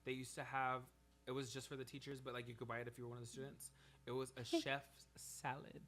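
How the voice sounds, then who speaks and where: Young man, 20s, rapid talk, bright tone, animated, profane, casual podcast chat. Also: medium pitch, a little hiss or hum. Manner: animated, profane, slangy storytelling. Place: podcast studio.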